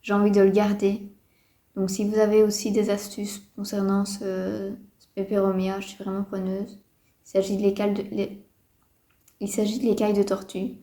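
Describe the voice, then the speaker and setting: A woman who vlogs about houseplants chats casually to the camera at home, her warm, low-key voice staying monotone at a moderate pace. She sounds hesitant and mildly disappointed, filling her talk with lots of fillers, and the room gives the recording a noticeable echo.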